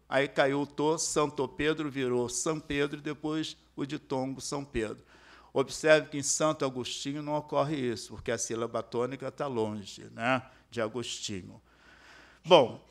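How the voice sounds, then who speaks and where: A man with a Brazilian accent giving an academic lecture as a guest speaker. He explains step by step and keeps checking in with the audience through tag questions. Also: medium pitch. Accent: Brazilian Portuguese. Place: lecture hall.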